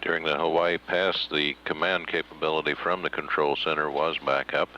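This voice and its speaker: A man's voice: rumbling low, little pitch movement, normal speed, sharp tone. A man giving formal, matter-of-fact live status commentary as a mission control announcer. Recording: dull lo-fi archival broadcast, faint noise.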